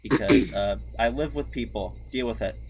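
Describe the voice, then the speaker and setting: A man's voice: fairly low pitch, normal speed, a crowd in the background. A man streaming a visual novel with friends at home, chatting jokily and reading the game's lines aloud in a hammy, dramatic way. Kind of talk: casual chat and reading game text aloud. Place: at home, people in the background.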